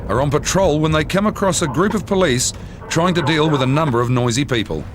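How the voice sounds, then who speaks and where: A man's voice: fairly high pitch, brisk. New Zealand man narrating over street noise. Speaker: narrator of a police reality TV show. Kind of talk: scripted documentary narration.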